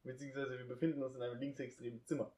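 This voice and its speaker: A man's voice: mid-range voice, little pitch movement, very fast, warm tone. Teasing young man with dry quips. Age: young adult. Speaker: podcast co-host. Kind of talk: casual chat. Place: room in a friend's home.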